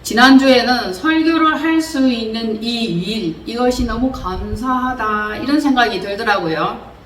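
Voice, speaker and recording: A woman's voice: fairly high pitch, measured pace, a bit bright. A woman preacher delivering a sermon, earnestly exhorting her listeners with many rhetorical questions. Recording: roomy echo, distant mic, faint noise.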